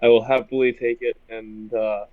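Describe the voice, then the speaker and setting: A man's voice: medium pitch, flat delivery, moderate pace, dry recording. Man in group voice chat, slightly muffled. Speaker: tabletop role-playing game player. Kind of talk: group voice chat, role-playing in character and chatting. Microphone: phone in an online voice chat.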